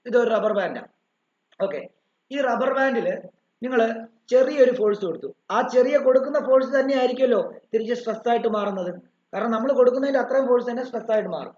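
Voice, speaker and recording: A man's voice: very high-pitched, a little mellow. A man teaching physics to an online class with a Malayali English accent, asking questions and answering them himself, and dictating notes. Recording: dull roomy recording with faint noise.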